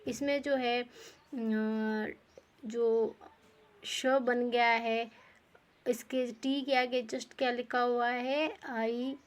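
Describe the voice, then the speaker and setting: A woman teaching pronunciation rules, talking slowly and repeating herself, with many "uh" pauses, who poses questions and then answers them herself. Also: on the high side. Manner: slow and repetitive, with many "uh" pauses. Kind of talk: explaining English pronunciation rules.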